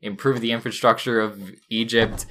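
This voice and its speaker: Young male co-host, playful and mock-serious, bright tense tone, low-ish pitch. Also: fairly even intonation, moderate pace. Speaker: podcast co-host. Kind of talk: casual comedic chat.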